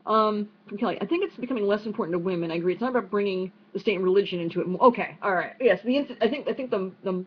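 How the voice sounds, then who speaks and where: A woman with a New York accent answering audience questions online in a quick, chatty way, full of fillers and restarts. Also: mid-range voice, husky. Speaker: speaker at an online unconference. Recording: dull lo-fi stream with faint noise.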